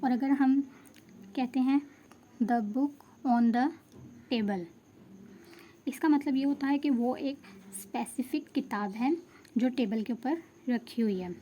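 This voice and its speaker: Female grammar teacher, fairly high, soft warm tone, patient explainer. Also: measured pace, a little hiss or hum. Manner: patient, checks understanding, mixes Hindi and English. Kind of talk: explanatory lesson.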